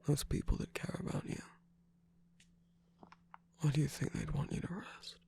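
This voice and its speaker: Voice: normal speed, warm tone, lightly acted. A performer voicing a teasing, manipulative male cookie trickster in a whispered ASMR roleplay, with a mocking, prodding manner.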